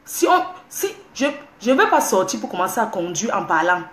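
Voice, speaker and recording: Woman, indignant home livestream rant, middling pitch, roomy echo. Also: big pitch swings, brisk, a bit bright. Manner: indignant, defiant, repeats herself. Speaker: social media livestreamer. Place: at home, indoors. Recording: echoey room.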